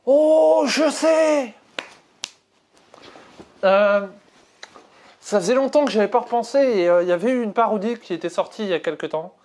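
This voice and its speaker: A woman's voice: mid-range voice, very fast, hardly any pauses, darkish tone. A woman hosting her video channel, chatting playfully with many hesitations. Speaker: YouTuber. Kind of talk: casual chat.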